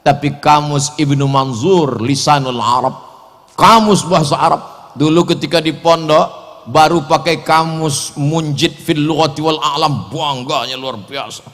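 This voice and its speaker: A man with a high, lively voice delivers a humorous sermon, swinging from soft asides to sudden loud peaks. His words ring out with a long reverb, as if he were in a large hall. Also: measured pace. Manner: animated, joking, sharp swings in pitch and loudness. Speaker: preacher.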